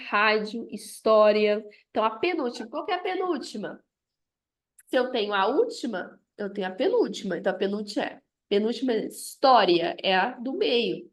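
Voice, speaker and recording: A woman teaching a grammar review lesson, explaining step by step and often checking in with "ok?". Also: a little high.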